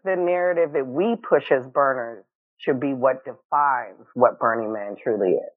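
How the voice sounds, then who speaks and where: A man's voice: mid-range voice, moderate pace. A man making an emphatic, rhetorical point, heard over a phone line.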